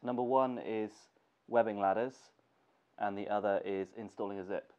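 Fairly low in pitch and moderately paced, his voice is clear and resonant despite the congestion of a cold. The young gear maker casually talks viewers through sewing in his workshop, relaxed and thinking aloud with fillers. The recording has dull lo-fi camera quality and faint noise.

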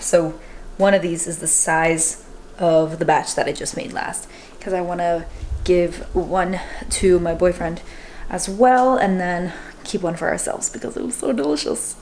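A woman's voice: fairly low pitch, normal speed, a little mellow, slight background noise. A young woman chatting casually in a home vlog, leaning on fillers like "like" as she talks. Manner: chatty, filler-heavy with many "like"s. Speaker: fitness vlogger. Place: home kitchen, indoors.

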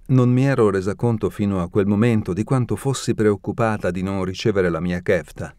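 A man narrating an audiobook in a steady, measured reading voice, close to the mic. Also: fairly low pitch, no echo.

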